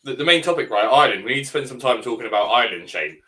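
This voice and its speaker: A man's voice: mid-range voice, lively intonation, very fast, a crowd in the background. A man co-hosting a podcast, chatting casually with a teasing, wry manner. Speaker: podcast co-host. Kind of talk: casual banter.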